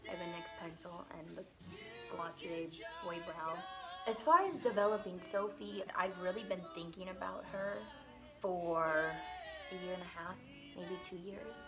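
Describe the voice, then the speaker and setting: A woman's voice: lowish voice, steady tone, normal speed. A young woman chatting casually in a vlog while doing her makeup, rambling and filling her speech with "like". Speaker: vlogger and stage actress. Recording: music playing under the voice.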